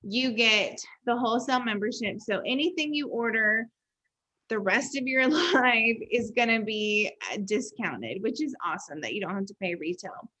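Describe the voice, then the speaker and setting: A woman's voice: on the high side, moderate pace, bright, forceful tone, rough recording. A woman hosting a casual chat, enthusiastically explaining product kits with many fillers. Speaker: host presenting product kits.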